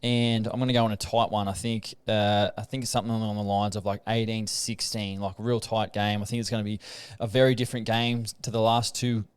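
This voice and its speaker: Laid-back Australian man, smooth voice. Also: lowish voice, level tone, a little fast, hardly any pauses. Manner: laid-back, chatty, says "um" and "mate" often. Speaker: rugby league player and podcast host. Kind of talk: casual chat about rugby.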